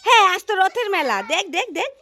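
A woman's voice: extremely high pitch, expressive, fast, bright, forceful tone, a little hiss or hum, heavily acted. A woman playing a coaxing neighbourhood aunt. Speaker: aunt in comedy skit. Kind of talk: comedy skit acting.

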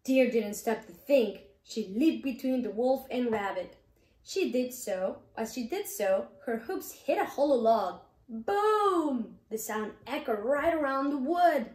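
A woman reading a children's picture book aloud as storyteller, gentle and expressive. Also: sits high, measured pace, echoey room.

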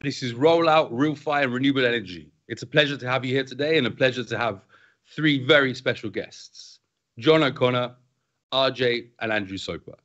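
A man in his thirties hosting an online question session over a video call, relaxed and friendly as he introduces guests and reads questions. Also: mid-range voice, brisk. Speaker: host and company CEO. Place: indoor room with a virtual space background. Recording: dull lo-fi video call audio.

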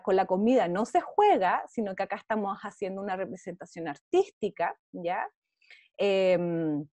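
Lively high-voiced Chilean woman teacher. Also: dry recording. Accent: Chilean Spanish. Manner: encouraging, checks in often with "¿ya?". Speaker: visual arts teacher. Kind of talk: online class to young pupils. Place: home, over a video call. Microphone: video call.

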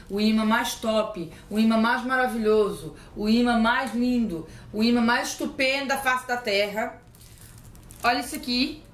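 A woman from southern Brazil, a vlogger, chats casually as she opens her mail at home, gushing in a playful, exclamatory way. Her voice sits a little high, and the room echoes with a faint hiss or hum.

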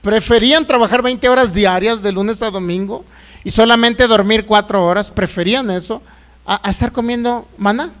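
A man's voice: high-pitched, normal speed, fairly bright tone. A man preaching a sermon as pastor, folksy, acting out complaints in a raised voice.

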